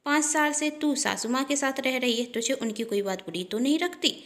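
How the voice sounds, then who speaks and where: A woman's voice: high-pitched, fairly quick, voice pushed up. A woman voicing a scheming elder sister-in-law who gossips in a coaxing, falsely sweet tone.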